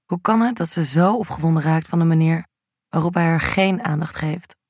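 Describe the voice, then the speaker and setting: A man narrating an erotic audio story in a slow, even, intimate reading. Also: a little high, no echo, studio quality.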